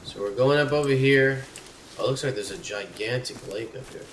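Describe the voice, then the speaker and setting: A gaming streamer with a mid-range voice talks a little fast during live gameplay commentary, chatting with his in-game companion and yelping and swearing at sudden scares. He's recorded off-mic from a distance in an echoey, noisy room.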